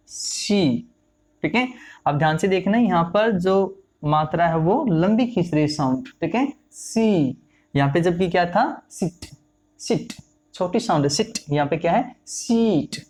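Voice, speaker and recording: A man, teaching English pronunciation, repeating example words slowly. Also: sits high. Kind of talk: classroom lesson.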